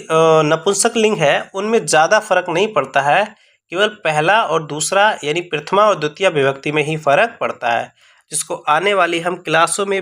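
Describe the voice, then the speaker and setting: A man teaching a grammar lesson, explaining step by step and slowly repeating words for pronunciation drills. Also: fairly high pitch, a bit bright.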